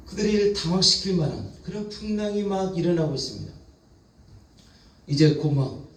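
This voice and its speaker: A man's voice: on the high side, darkish tone, reverberant, recorded from a distance, poor audio. A male pastor preaching a Sunday sermon, retelling a story vividly and repeating phrases for emphasis. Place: church sanctuary.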